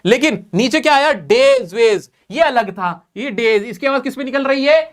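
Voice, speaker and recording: A man's voice: very high-pitched, animated, moderate pace. A man teaching an exam-prep class, repeating key points and quizzing his students.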